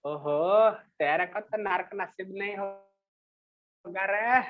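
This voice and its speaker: Male teacher, high voice, unhurried delivery, dull lo-fi sound, reads a line then explains it. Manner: reads English sentences slowly, then explains them in Hindi. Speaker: English teacher. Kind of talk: bilingual class explanation.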